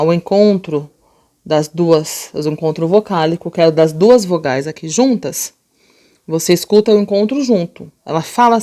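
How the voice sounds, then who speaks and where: A woman teacher with a Brazilian Portuguese accent, explaining a lesson to young children and slowly sounding out words. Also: fairly low pitch. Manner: slow, drawn-out sounding out of words; gentle, patient explaining to children. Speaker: primary school teacher. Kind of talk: remote class lesson.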